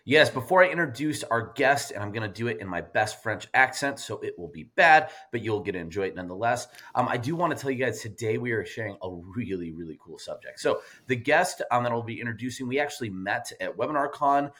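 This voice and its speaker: Expressive and sharp-toned, this man's mid-range voice moves fairly quickly with few pauses as he hosts a podcast. Upbeat and playful, he runs the intro and interview over a remote call connection.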